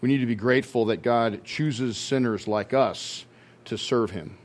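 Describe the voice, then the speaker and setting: A man's voice: medium pitch, measured pace. A man, a pastor, preaching an earnest sermon to his church and often repeating words as he restarts his sentences.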